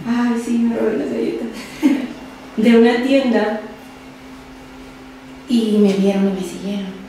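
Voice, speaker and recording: A young adult woman, a podcast guest telling her own story in an interview, speaking softly and often trailing off quietly. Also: on the high side, flat delivery, takes it slowly, a little hiss or hum. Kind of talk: personal testimony in an interview. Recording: very echoey room.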